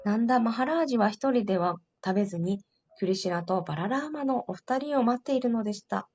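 A woman's voice: on the high side, lively intonation, fast, darkish tone, slightly rough. A woman carefully and politely reading a devotional story aloud to listeners. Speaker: reader.

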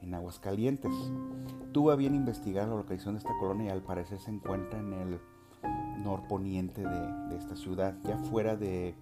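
A middle-aged Mexican man with a Mexican Spanish accent, hosting a podcast and telling a story in a measured, formal way with occasional hesitations. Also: deep voice. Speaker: podcast host. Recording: loud music under the voice.

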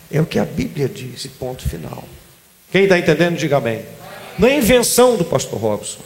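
A pastor preaching a sermon in a church, emphatic and lively, calling on the congregation to respond and slipping in humorous asides. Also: male voice, fairly high pitch. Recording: church hall with long reverb.

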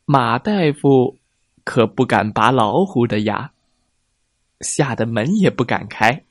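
A young man tells a children's story slowly and gently, speaking clearly to young listeners. His pitch sits in the middle range, and the recording is dry and close with no room sound. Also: lively intonation, dry recording.

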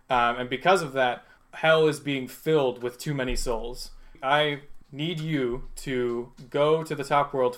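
A man's voice: mid-range voice, a bit bright, natural voice. A man voicing Satan as a businesslike ruler of hell giving plain orders in a tabletop game. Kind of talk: game master acting in a tabletop game.

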